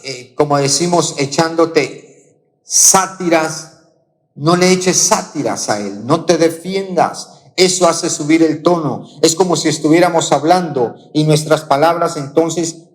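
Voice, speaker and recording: A man with a Colombian accent preaching a sermon as pastor, slow and emphatic, repeating key phrases. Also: a little high, long reverb tail. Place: church auditorium.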